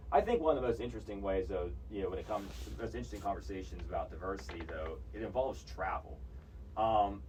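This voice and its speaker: A young man hosts a college radio podcast from a campus studio, chatting casually and rambling with many restarts. His voice is low, and the rough recording has a distant mic and slight background noise.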